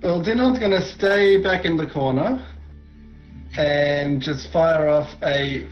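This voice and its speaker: A man talking casually as a tabletop game player, a little halting as he works out his moves. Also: fairly high pitch. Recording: dull lo-fi audio. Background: music.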